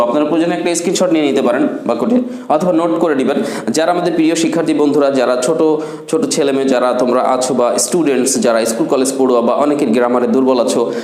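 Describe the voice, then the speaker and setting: Guy teaching grammar, asks questions then answers them himself, kinda high voice, roomy echo. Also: darkish tone. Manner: slow, drawn-out English example sentences between quick explanations. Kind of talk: classroom grammar lesson.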